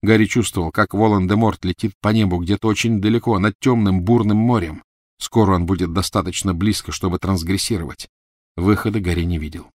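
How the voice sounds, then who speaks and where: Casting note: male narrator, lowish voice, dry close studio sound, steady reading. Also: brisk, no echo. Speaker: audiobook narrator. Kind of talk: scripted narration.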